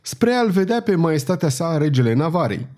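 A man reading the part of a calm, proud male knight who speaks with haughty courtesy. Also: a little high, voice pushed up. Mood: courtly. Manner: polite but haughty, smiling.

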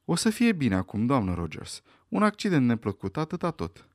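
A man's voice: mid-range voice, wildly swooping pitch, a little mellow, no echo, studio quality. A man voicing a soothing doctor. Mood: calm. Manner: soothing, reassuring. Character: calm middle-aged male doctor, soothing.

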